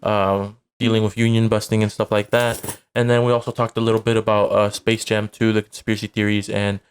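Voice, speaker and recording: A man's voice: lowish voice, flat delivery, fairly quick, clean tone. A young man with a Californian accent, co-hosting a podcast and wrapping up the episode in a matter-of-fact way. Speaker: podcast co-host. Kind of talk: casual chat and outro. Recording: noisy home podcast recording.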